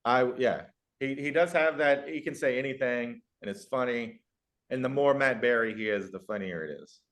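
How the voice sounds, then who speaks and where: A man's voice: medium pitch, normal speed, a bit bright. A male podcast host with a mid-range voice in casual chat. He asks long, rambling questions with plenty of enthusiasm and stops to restart his thoughts.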